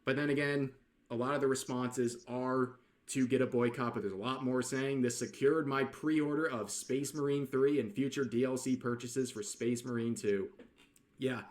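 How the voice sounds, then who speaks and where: A man's voice: medium pitch, fairly even intonation, normal speed, darkish tone. A man giving critical, dismissive online video commentary and a channel outro.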